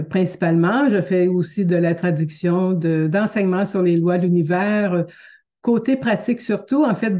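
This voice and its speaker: A teacher from Quebec, Canada, hosts a live webinar, speaking unscripted in a mid-range voice with a Québécois French accent. She is hesitant yet gentle and earnest, using lots of fillers and restarts. The audio is dull, muffled and lo-fi.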